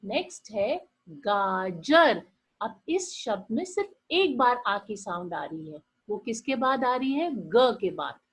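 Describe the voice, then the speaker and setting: A woman teaching a Hindi lesson to young children, slow and encouraging, drawing out each sound and asking the class questions. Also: on the high side, big pitch swings, slightly rough, low-quality recording. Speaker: primary school teacher.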